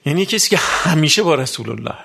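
A man preaching a sermon to a religious gathering, asking rhetorical questions and rising sharply in pitch and volume. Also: very animated, vocal fry, husky. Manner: rhetorical questions, sudden loud rises in pitch.

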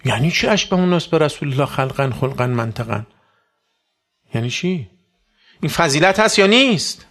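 A man preaching a sermon to a religious gathering, asking rhetorical questions and rising sharply in pitch and volume. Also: lively intonation. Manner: rhetorical questions, sudden loud rises in pitch.

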